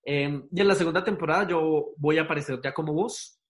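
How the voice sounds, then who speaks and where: High-ish man chatting casually. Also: fairly quick. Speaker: podcast guest. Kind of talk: casual anecdote telling.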